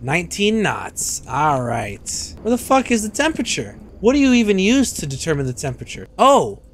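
A young man in his twenties giving casual, joking commentary while streaming a game, with loud outbursts and swearing, on a studio mic. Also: sits high, huge pitch swings, normal speed, a little hiss or hum. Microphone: studio mic on arm.

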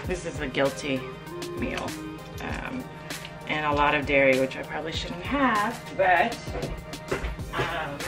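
A woman's voice: sits low, slow, pauses often, music in the background. A woman vlogging casually in her home kitchen, walking viewers through a recipe. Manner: chatty, walks viewers through her cooking. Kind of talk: casual vlog narration.

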